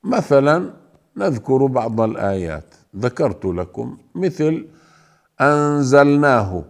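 A man teaching Quran recitation rules, speaking slowly and deliberately, drawing out the example words and repeating his points to his listeners. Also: mid-range voice, lively intonation. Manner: addresses listeners fondly as beloved ones. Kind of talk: slow tajweed lesson with recited examples.

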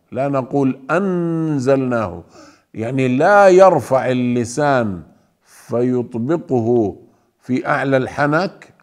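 A man teaching Quran recitation rules, speaking slowly and deliberately, drawing out the example words and repeating his points to his listeners. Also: medium pitch. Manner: addresses listeners fondly as beloved ones. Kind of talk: slow tajweed lesson with recited examples.

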